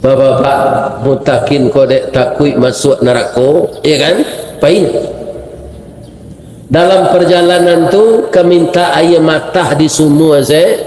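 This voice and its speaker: A man's voice: on the high side, takes it slowly. A man with a Minangkabau accent preaching a humorous sermon, telling a story and checking in with his listeners often. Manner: lively, asks the crowd "ya kan?" often. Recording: echoey hall, faint ambient noise.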